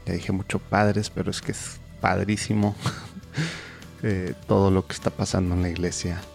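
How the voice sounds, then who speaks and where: A man's voice: low voice, level tone, moderate pace, creaky, a little mellow, soft background music. A man giving an upbeat, colloquial podcast introduction. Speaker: podcast host.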